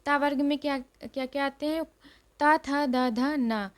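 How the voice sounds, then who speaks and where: A woman's voice: high-pitched, steady tone, measured pace. A woman teacher giving an exam revision lesson, repeating each rule and quizzing her listeners. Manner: repeats rules and asks questions to the class.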